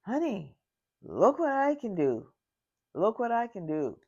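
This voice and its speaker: An eager grandmother showing off, her voice pitched up high and swooping around as she repeats herself over and over, as a woman storyteller puts her on. The recording is dull and lo-fi. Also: lively intonation, takes it slowly, vocal fry, full character voice. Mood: excited.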